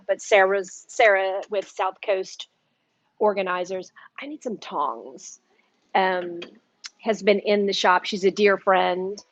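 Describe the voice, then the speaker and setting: A woman hosts a casual live cooking demo in a shop kitchen, chatting away and eating while she talks. Her voice is on the low side, and the recording is muffled with no echo.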